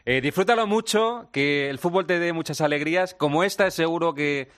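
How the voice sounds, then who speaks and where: A man from Spain hosts a radio show, rattling along at a very quick clip with a slightly raised pitch. He sounds chatty and enthusiastic, and the studio sound is dry and close. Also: a bit bright, no echo. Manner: chatty, enthusiastic, fast-talking. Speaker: radio host. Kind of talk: upbeat radio interview.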